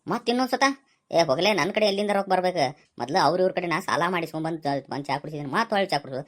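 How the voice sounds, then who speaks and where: A low-voiced, defensive young village guy, played by a woman, fires off scolding banter at a racing clip. He speaks with a North Karnataka Kannada accent, like someone in a comic village skit. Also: rapid-fire.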